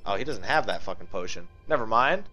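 On poor-quality audio, a livestream host playing a video game speaks quickly in a lowish, sharp-toned voice with lively intonation. He thinks aloud, swears and chats casually with viewers over background game music.

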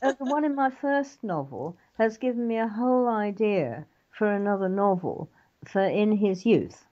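A woman's voice: medium pitch, lively intonation, moderate pace, mellow. An older woman from England, an author guest, chatting animatedly in an interview and often laughing. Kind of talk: casual interview chat. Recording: dull lo-fi internet radio audio.

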